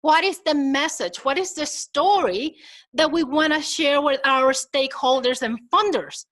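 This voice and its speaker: A woman with a Minnesotan accent gives a conference presentation in a high, unhurried voice. She's chatty and engaging, tossing rhetorical questions at the audience and acting out quotes in lively voices.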